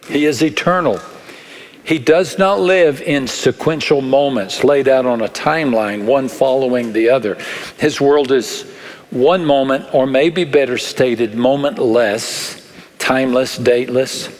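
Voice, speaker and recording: A man with a West Texas accent preaching a sermon as a pastor, measured and deliberate, in short phrases with dramatic pauses. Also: mid-range voice. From West Texas, United States. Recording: long echoing reverb of a large hall.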